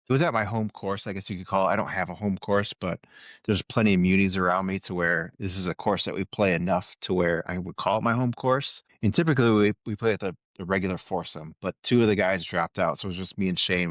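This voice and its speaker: Deep-voiced man telling a golf story. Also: no room sound, dull audio. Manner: storytelling, animated. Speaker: podcast co-host. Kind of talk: casual chat.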